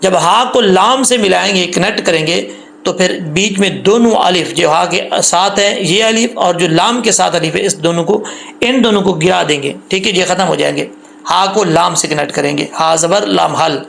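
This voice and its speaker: A man teaching tajweed rules patiently, repeating points and drawing out the recited syllables slowly. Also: high-pitched, vocal fry, a bit bright, slight background noise. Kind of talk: tajweed lesson with slow recited examples.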